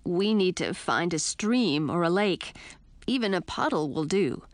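A woman's voice: lowish voice, expressive, measured pace, no room sound. A woman voicing a practical young male frog in an audiobook, in a plain, matter-of-fact tone. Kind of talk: audiobook character voice.

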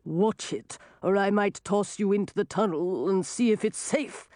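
A woman's voice: medium pitch, moderate pace, dark tone, dry recording, natural voice. A woman doing a touchy grumbling octopus, storybook, dry close sound. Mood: grumpy. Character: grumbling quarrelsome male octopus.

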